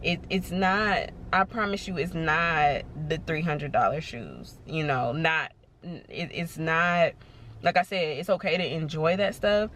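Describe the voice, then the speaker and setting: Chatty bright-voiced woman vlogger. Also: deep voice, a little slow, slight background noise. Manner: chatty and rambling, full of "like" and "you know"; encouraging, reassuring. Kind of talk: casual motivational talk to camera.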